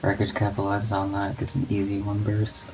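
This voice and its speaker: Low, monotone male game commentator. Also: fairly quick, poor audio. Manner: monotone, low-key delivery; not much of a talker. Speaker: guest commentator. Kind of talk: esports play-by-play commentary. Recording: steady background noise.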